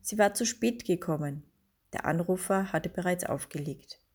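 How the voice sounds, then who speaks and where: A woman reading a story aloud in a calm, measured audiobook narration. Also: fairly low pitch, breathy edge.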